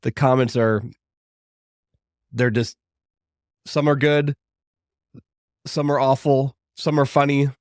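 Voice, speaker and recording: A man's voice: mid-range voice, steady tone, slow pace, long pauses, smooth, no echo, studio quality. Chatty man hosting a solo podcast. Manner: chatty and upbeat, rambling asides. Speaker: podcast host. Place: home podcast studio.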